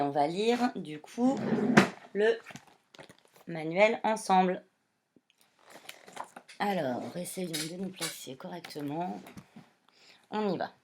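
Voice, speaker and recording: A woman primary school teacher giving a reading lesson to young children, speaking slowly and clearly as she addresses them. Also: fairly low pitch, a little hiss or hum.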